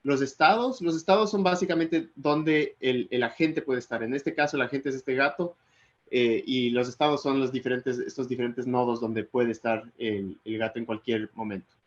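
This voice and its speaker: A man's voice: medium pitch, normal speed, dull audio. A man from Ecuador giving an online technical lecture, hesitating often with fillers and restarts.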